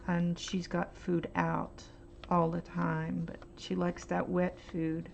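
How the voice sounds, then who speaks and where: A woman's voice: on the low side, monotone, gravelly. A woman chatting her way through a paint swatching demo at home, rambling and hesitant with lots of ums. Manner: rambling, hesitant, fills pauses with um and uh. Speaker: art vlogger. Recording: dull lo-fi home recording, faint hiss.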